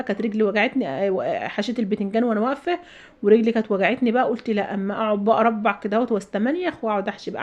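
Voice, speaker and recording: A woman's voice: fairly high pitch, darkish tone, muffled recording. A woman in her thirties with an Egyptian Arabic accent, a mother chatting to her viewers, venting and giving advice. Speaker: vlogger, mother. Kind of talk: casual storytelling to viewers.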